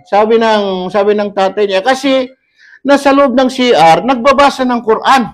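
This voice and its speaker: Animated man preaching a story. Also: very high-pitched, normal speed. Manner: animated, voice rising when telling the story; mixes Arabic recitation into talk. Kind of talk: storytelling sermon.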